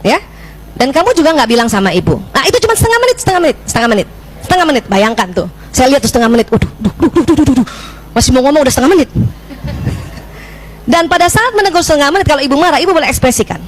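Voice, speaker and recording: A middle-aged woman from Indonesia giving a lively parenting talk to mothers, often asking the audience questions and acting out how she scolds a child. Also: sits high, very fast, low-quality recording.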